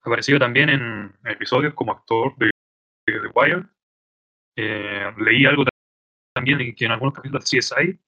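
A man's voice: mid-range voice, moderate pace, vocal fry, sharp tone, no room sound. A man with a Chilean accent hosting a casual film podcast, chatty and often trailing off in hesitations. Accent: Chilean Spanish. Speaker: podcast host. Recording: slightly dull, dry sound.

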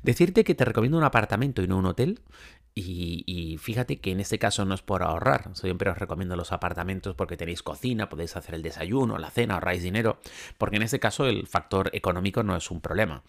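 Un hombre que habla de viajes en tono charlado y divagante, con muchas muletillas y repeticiones. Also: male voice, deep voice, fast, gravelly. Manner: chatty, rambling, many fillers and restarts. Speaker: travel vlogger. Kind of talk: casual travel talk to camera.

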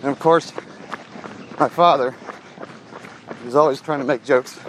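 A man from Ireland, co-hosting a casual chat and telling a story in a relaxed way, laughing easily. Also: mid-range voice, measured pace, slight background noise, rough recording. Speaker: podcast co-host. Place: outdoors on a run.

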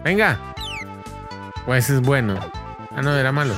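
A man with a Costa Rican accent chatting in a relaxed, joking way while playing retro games. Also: mid-range voice, a little slow. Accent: Costa Rican Spanish. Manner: relaxed, joking, reads out the controls. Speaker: co-host. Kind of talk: casual gameplay chat. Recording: music playing behind. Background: game music.

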